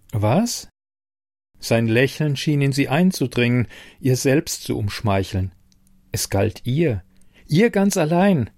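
A man narrating a story in a measured, steady audiobook reading. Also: mid-range voice, no echo, clean studio sound.

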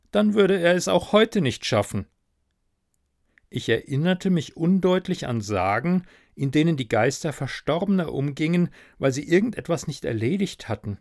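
A man's voice: a little high, no room sound. A man narrating a story in a dry, wry tone.

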